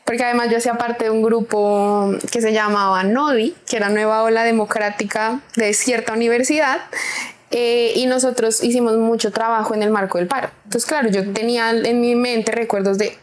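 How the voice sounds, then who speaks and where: Animated young woman telling a story. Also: fairly high pitch, brisk. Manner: animated, acts out quoted voices. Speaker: guest, cultural curator. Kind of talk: candid personal storytelling.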